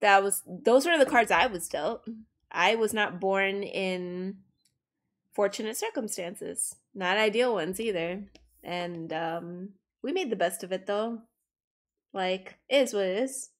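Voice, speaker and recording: A woman's voice: medium pitch, takes it slowly. A young adult woman streaming while she draws, chatting frankly and casually, swearing freely and laughing often. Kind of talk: casual chat while drawing.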